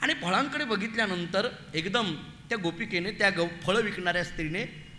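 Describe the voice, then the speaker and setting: High, bright preacher in an echoing hall. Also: male voice, fairly quick, slight background noise. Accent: Marathi. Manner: animated, acts out voices of the story figures. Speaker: kirtan preacher. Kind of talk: devotional storytelling sermon. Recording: echoey hall with long reverb.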